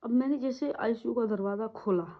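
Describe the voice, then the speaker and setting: A woman telling a personal story in a halting, repetitive way, often trailing off, with a grieving tone. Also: a little high. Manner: emotional, grieving tone. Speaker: vlogger. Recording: tinny phone-like audio.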